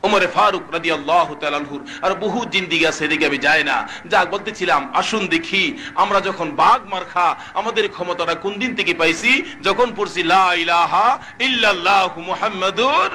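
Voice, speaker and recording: Man, waz preacher, high sharp voice, shouted sing-song climaxes. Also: normal speed. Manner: fiery, chanting, asks the crowd questions; shouts sung climaxes, drops to soft storytelling. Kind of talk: Bengali waz sermon.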